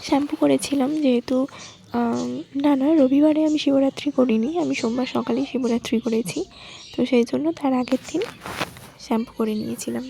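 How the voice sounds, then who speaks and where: Woman talking low in a home vlog, kinda high voice, gravelly and dark. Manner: quiet, hushed voice-over with a gravelly edge. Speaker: vlogger. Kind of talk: soft-spoken daily-life vlog voice-over. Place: bedroom at home.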